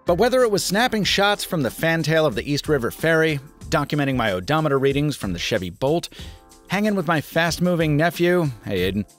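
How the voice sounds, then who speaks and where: A man in his thirties from the United States narrating a scripted tech review with lively, emphatic delivery. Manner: lively, emphatic delivery with wide pitch swings. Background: faint music.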